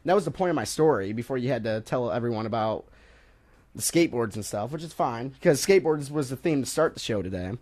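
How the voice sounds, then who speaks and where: A young man hosting a casual sports talk radio show, joking and rambling between topics and quick to laugh. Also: medium pitch, lively intonation, darkish tone. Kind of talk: casual college radio banter.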